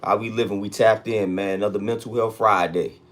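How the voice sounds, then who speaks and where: Low-pitched American man, street-slang livestream host. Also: steady tone, brisk. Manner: street-slang hype talk, repeating catchphrases. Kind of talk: casual livestream check-in chat.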